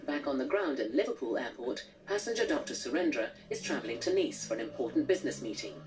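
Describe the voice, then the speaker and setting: A woman's voice: a bass voice, lively intonation, fast, distant mic, over music. A woman narrating a documentary in a scripted storytelling delivery.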